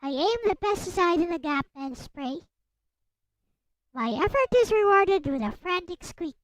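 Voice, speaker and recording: With a high, girlish voice, a woman streaming as host reads through a visual novel and adds playful, offhand remarks. She speaks in an unhurried sing-song, with music behind her and a little background noise.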